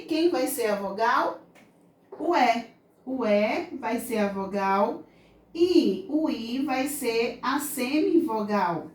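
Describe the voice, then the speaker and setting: A woman teaching a grammar lesson to children with a Brazilian Portuguese accent, explaining slowly and patiently. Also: fairly high pitch. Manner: slow, patient explaining, voices children's questions. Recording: echoey room, mic far off.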